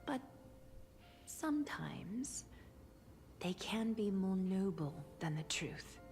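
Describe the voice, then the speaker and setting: A woman's voice: mid-range voice, sing-song, slow pace, darkish tone, in a large hall, faint music behind. A woman playing a wise, composed, solemn seamstress mentor in a video game. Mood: solemn, reassuring. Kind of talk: dramatic video game voice acting.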